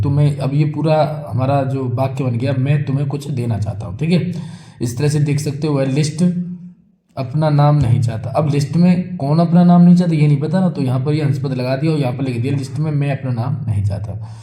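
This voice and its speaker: A man's voice: on the high side, brisk, dark tone, roomy sound. A male teacher giving a patient, step-by-step grammar lesson and checking in with "okay" between points. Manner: patient, explains step by step, often says "ठीक है" between points.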